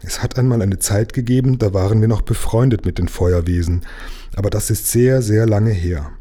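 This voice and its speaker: A man voicing a sad, gentle young mermaid princess in a storybook read aloud, with a soft, tearful voice. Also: on the low side, normal speed, lightly acted. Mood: sad, earnest.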